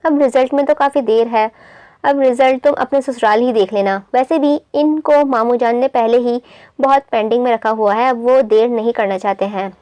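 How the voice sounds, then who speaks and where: A gentle elder sister who soothes and reassures, as a woman reads her part. The voice is fairly high and close. Sound is dry. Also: normal speed, no echo, natural voice.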